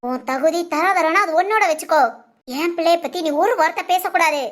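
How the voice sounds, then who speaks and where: A woman's voice: very high voice, brisk, fairly bright tone. A poor mother guarding her daughter. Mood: defiant. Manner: firm, pleading then scolding. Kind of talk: storybook voice acting.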